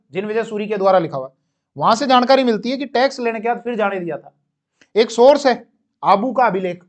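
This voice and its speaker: Male history teacher with a high voice, explaining with asides and corrections. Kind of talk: classroom history lecture.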